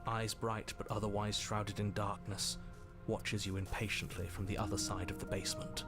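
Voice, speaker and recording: A man playing a solemn, ominous storybook narrator in a video game, measured and grave over music. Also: fairly low pitch, little pitch movement, lightly acted. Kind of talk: scripted second-person game narration. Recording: loud game music behind the voice.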